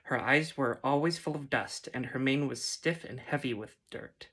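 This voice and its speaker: A man gently reading a fantasy story aloud in a soft ASMR style. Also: mid-range voice. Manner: gentle, unhurried. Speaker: reader.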